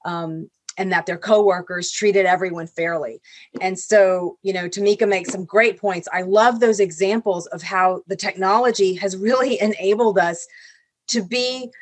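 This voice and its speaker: A woman's voice: mid-range voice, fairly even intonation, normal speed, dry recording. A woman from Venezuela, a corporate executive, explaining her points earnestly on a video call panel discussion. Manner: earnest and explanatory, with small restarts.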